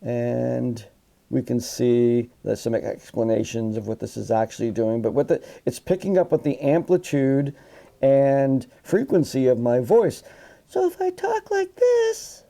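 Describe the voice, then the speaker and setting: A psychology instructor teaches a live online class, chatting casually into his computer microphone and rambling with frequent restarts and asides. He sometimes demonstrates sounds with his voice, which is medium-pitched, gravelly, and mellow, at a measured pace.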